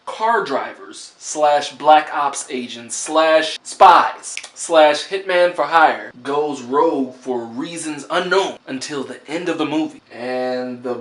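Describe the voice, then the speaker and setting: A man's voice: a little high, takes it slowly, hardly any pauses, a bit bright, echoey room. A man giving a casual, joking movie review in a laid-back, rambling way.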